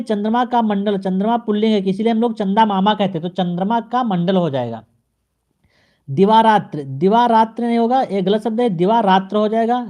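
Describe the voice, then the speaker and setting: A male teacher giving an exam-prep grammar lesson, addressing the viewer and repeating each correction in a steady drilling pattern. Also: sits high. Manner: speaks straight to the viewer.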